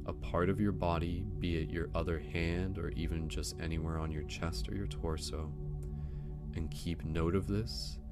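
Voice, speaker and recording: A man narrating a guided sleep meditation like a sleep story narrator, soothing and gentle, with unhurried pauses. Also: deep voice. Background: prominent music.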